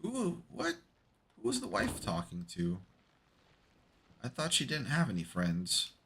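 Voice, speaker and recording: Male game streamer, slangy and laid-back, lowish pitch, bright tone. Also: expressive, measured pace, a little hiss or hum. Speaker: streamer playing a horror game. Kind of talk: casual gaming livestream commentary.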